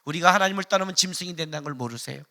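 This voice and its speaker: A male pastor delivers a sermon, peppering the congregation with rhetorical questions and lurching from loud, emphatic bursts to hushed asides. His voice is on the high side and racing, with vocal fry.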